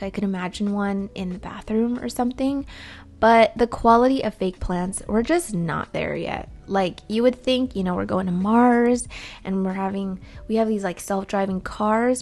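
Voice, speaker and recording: A vlogger talks through a voice-over in a chatty, unscripted way, wandering from topic to topic with frequent ums. Her medium-pitched voice carries a gravelly morning roughness, and she sounds relaxed.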